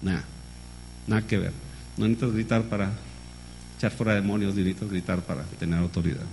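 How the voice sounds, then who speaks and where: A man's voice: on the low side, quick pace, gravelly, a little hiss or hum. A man preaching a sermon, calling his listeners brother and asking them rhetorical questions. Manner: lively, calls listeners "hermano", many rhetorical questions.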